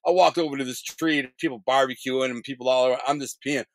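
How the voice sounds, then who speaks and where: A man's voice: mid-range voice, quick pace, dry recording. A middle-aged man, a guest telling his life story in casual, slangy talk, acting out the other people in it. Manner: animated, acts out other people's lines in the story; blunt street slang with censored swearing.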